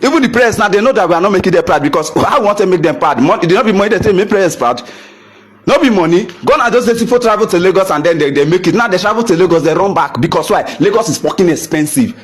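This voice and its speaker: Ranting passionately to camera, a young Nigerian photographer blends English and Pidgin while firing off rhetorical questions. He talks quickly in a high, animated, husky voice.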